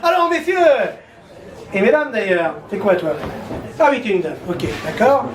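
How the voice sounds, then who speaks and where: A male comedian, voice sitting high and very animated at a normal pace, plays a pompous TV doctor in a stand-up sketch full of theatrical asides. He's performing live on stage, and the recording captures an echoey hall with the audience laughing.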